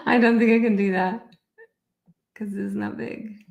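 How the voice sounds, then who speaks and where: A Brazilian-raised woman with a mid-range voice and some vocal fry hosts a live online session as a therapist, and the room sounds reverberant. She's chatty and upbeat, thinking aloud as she sorts out her screen sharing in a casual live-stream presentation.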